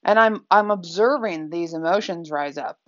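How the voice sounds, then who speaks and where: Low-voiced woman in a reflective talk. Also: normal speed, dull audio. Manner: candid, conversational, many fillers.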